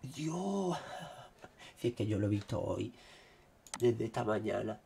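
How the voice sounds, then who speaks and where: A man with a Spain Spanish accent, his throat dry after a cold, excitedly commenting on what is on his screen. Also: on the low side, measured pace, creaky, slight background noise. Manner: excitable, exclaiming, keeps saying "look". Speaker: vlogger. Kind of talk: casual commentary on screen recording.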